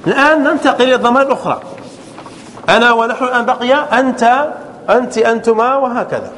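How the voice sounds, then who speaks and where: A man teaching a grammar class, drilling verb forms slowly and checking often that students follow. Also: very high-pitched, a bit bright, big-room sound, slight background noise. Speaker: sheikh teaching Arabic grammar.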